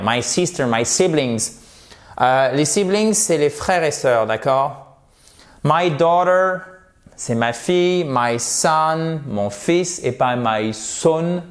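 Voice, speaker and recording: A man teaching English vocabulary as a lesson to camera, repeating words slowly and chatting between pronunciation drills. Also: medium pitch. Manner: slow, drawn-out pronunciation drills, chatty asides.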